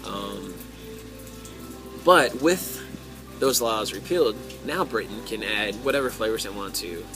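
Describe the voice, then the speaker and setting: American man, lowish pitch, casual solo vlog chat, halting think-aloud delivery, clear music in the recording. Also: expressive. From United States. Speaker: pipe-hobby vlogger and host. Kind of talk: casual solo talk to viewers.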